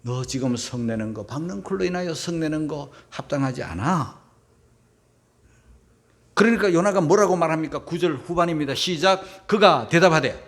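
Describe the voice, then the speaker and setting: A male pastor preaching a sermon, swinging from loud emphatic bursts to hushed whispers and calling his congregation to read along together. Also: fairly high pitch, creaky. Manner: leads the congregation in reading aloud together. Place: church sanctuary.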